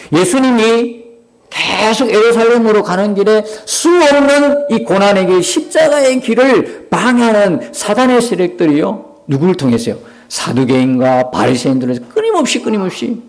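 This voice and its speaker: A male pastor preaching a sermon, often putting rhetorical questions to his congregation. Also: high-pitched.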